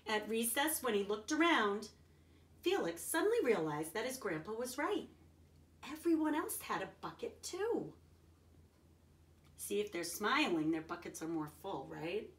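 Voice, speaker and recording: In a room with plenty of echo and well away from the microphone, a woman reads a children's picture book expressively in a mid-range, fairly bright voice. Along the way she offers simple explanations and checks in with her young listeners.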